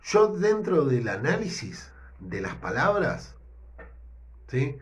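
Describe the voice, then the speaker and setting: A man teaching a lesson with a Rioplatense accent, explaining step by step and often checking in with a quick question. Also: mid-range voice, darkish tone. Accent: Rioplatense Spanish. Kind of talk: recorded language lesson. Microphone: no whiteboard, improvising with notes.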